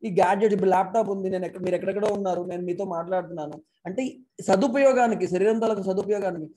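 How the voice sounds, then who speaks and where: A man's voice: sits high, rapid-fire, mellow, slight background noise, rough recording. A man lecturing to an online class through a laptop mic, mixing English phrases into his talk and posing rhetorical questions. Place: speaking remotely to an online class. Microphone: external mic plugged into a laptop.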